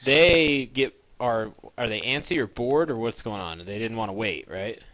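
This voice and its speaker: A man's voice: mid-range voice, normal speed, a bit bright, no room sound, highs cut off. A man hosting a casual podcast chat, animatedly retelling his friends' antics. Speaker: podcast host.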